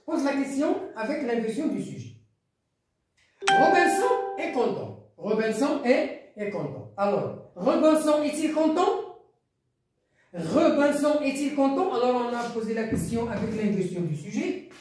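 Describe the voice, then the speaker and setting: A woman's voice: fairly high pitch, expressive, moderate pace, darkish tone, a little hiss or hum. A woman teacher with a Moroccan accent giving a grammar lesson, repeating key phrases and explaining each point again in Arabic. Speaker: primary school teacher. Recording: very echoey classroom, voice far from mic.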